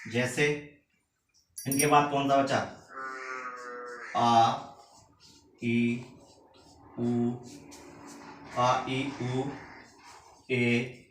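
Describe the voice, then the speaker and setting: A man at a middle pitch teaches a grammar lesson, repeating each definition and spelling it out word by word. He talks very slowly, as if students are writing along. The sound is roomy and a little distant, with a faint hiss behind him. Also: level tone. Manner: slow, repeats words one at a time for dictation. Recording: echoey room, mic at a distance, faint noise.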